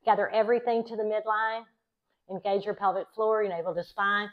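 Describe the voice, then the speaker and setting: A woman yoga instructor leading a class in calm, encouraging, short step-by-step cues timed to the breath. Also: medium pitch, brisk. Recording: dull, lo-fi sound.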